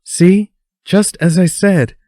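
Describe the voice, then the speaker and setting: A man voicing a cheerful, motherly woman who is baking muffins in a storybook reading, chatty and high-pitched. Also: unhurried, mellow, no room sound, studio quality, natural voice. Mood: amused.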